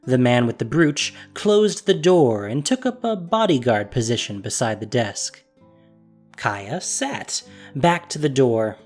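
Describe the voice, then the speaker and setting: Over soft background music, an audio drama narrator performs a fantasy tale in a medium-pitched voice. The scripted reading is expressive and animated, with pitch that climbs and dips.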